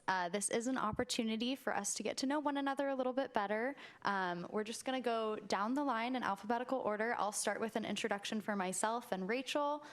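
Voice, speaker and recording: A woman speaking as a staff liaison, running a public meeting in a semi-formal way. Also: a little high.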